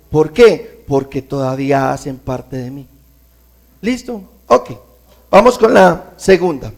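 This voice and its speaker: A man preaching, his voice somewhat high and gravelly. He talks to the congregation conversationally and keeps asking rhetorical questions to check they follow. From Colombia. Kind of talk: sermon.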